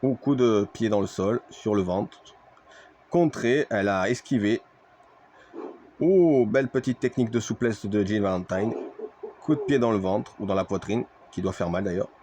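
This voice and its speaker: A man's voice: fairly low pitch, moderate pace, darkish tone, slight background noise. A man giving play-by-play wrestling commentary on a video game match, speaking to his viewers like a ringside commentator with repeated exclamations.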